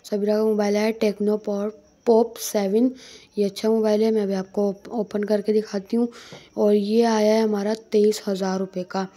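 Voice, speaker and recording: Young woman vlogging, flat voice, really dark and mellow, rambles on and repeats stuff. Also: mid-range voice. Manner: chatty, repeats herself, frequent restarts. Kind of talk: casual family vlog narration.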